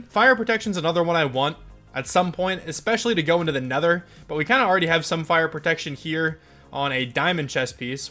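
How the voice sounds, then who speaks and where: Young male let's-play host, a little high-pitched, congested, chatty and rambling, soft music bed behind. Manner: chatty, rambling, lots of fillers. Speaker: gaming channel host. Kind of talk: casual let's play commentary.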